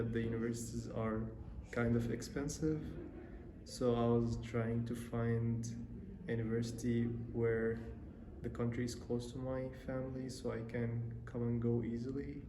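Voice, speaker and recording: A young man from Syria, a student, answering interview questions in a relaxed, hesitant way with many pauses and fillers. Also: mid-range voice, background noise. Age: young adult. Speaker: interview guest, university student. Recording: roomy echo, faint ambience.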